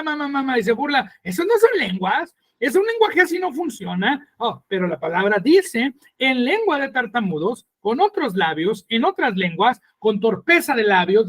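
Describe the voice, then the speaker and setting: A male pastor teaching a sermon, earnest and explaining slowly with pauses. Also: a bit bright, dry recording. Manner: mimics mocking voices in a higher pitch.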